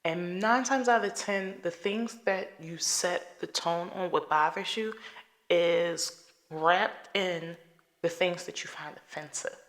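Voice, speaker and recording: This is a woman's voice, fairly low and a bit bright, moving at a slow pace. She hosts a solo podcast, speaking straight to the listener with rhetorical questions and everyday examples, conversational yet preachy as she talks things through.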